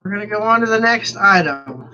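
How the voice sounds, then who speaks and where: On a dull, lo-fi livestream, a woman with a medium-pitched, bright and forceful voice hosts a relaxed auction. Her intonation is lively, and she chats freely, laughs often and speaks in a slow, drawn-out way.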